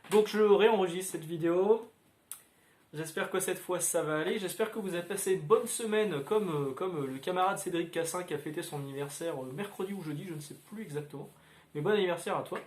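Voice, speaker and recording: A man with a slightly high voice chats casually about his week's comics, hesitating and wandering between thoughts. He talks into a standalone mic in a roomy, echoey room at home. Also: a little fast, a little mellow. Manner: rambling, many filler sounds. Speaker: comics video host. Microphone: standalone microphone.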